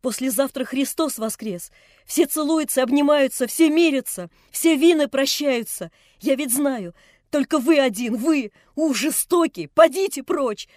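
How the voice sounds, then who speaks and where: A woman reading an audiobook, voicing a distraught young girl who shouts defiantly through tears. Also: normal speed, no room sound, clean studio sound, close to an everyday voice. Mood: furious tearful. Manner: shrill, tearful, defiant outbursts.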